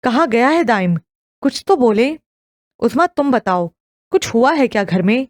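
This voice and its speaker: A woman's voice: fairly high pitch, lively intonation, darkish tone, no echo, studio quality, natural voice. A woman voicing a playful, caring young man who teases and then anxiously questions others in an audio novel. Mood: worried.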